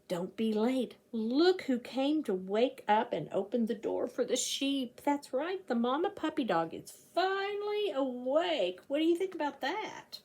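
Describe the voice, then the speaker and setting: In a small indoor room, sitting next to a door, a middle-aged woman with a high-sitting voice reads aloud to little children. Her teacher-like delivery is lively and sing-song, often breathy, with stretched key words and questions put to her audience.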